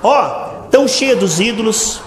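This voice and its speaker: A man with a high voice preaches with earnest, exhorting fervor, calling his listeners brothers and drawing out key words. The recording sits in a roomy, reverberant space with a faint hum of ambience behind him. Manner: earnest, exhorting, keeps addressing "irmãos", drawn-out emphatic words. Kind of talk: sermon. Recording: echoey room with faint ambient noise.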